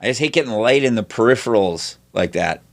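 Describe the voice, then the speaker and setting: A man co-hosting a podcast in casual chat, telling profane, animated stories. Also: on the low side, brisk, creaky, no echo, clean studio sound. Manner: profane, animated storytelling with mocking put-on voices. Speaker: podcast co-host.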